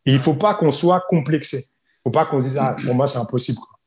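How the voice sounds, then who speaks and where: A man's voice: medium pitch, quick pace, roomy sound. A man from France who teaches English, talking casually on a podcast and explaining his points with examples and repetition.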